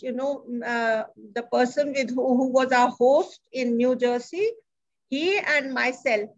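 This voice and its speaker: A woman's voice: high-pitched, lo-fi sound. A woman giving a heartfelt tribute speech at a memorial gathering, reflective and full of "you know" fillers.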